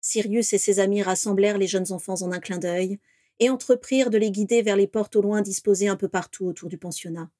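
A woman narrating a fantasy story in a steady, expressive reading voice. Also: medium pitch, brisk, no room sound, studio quality. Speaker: audiobook narrator. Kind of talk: scripted narration.

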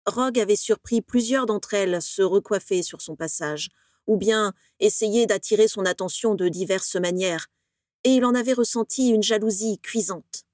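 A woman narrating a fan fiction story in a steady, even storytelling voice. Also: medium pitch, normal speed, no echo, studio quality. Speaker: reader.

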